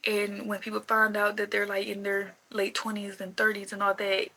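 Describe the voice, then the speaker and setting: A woman's voice: medium pitch, monotone, normal speed, pushed and bright, rough recording. A woman in her mid-twenties rambling casually to camera in a rant, repeating herself and filling with "like" a lot. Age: 20s. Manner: chatty, repetitive, lots of "like" fillers. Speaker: vlogger.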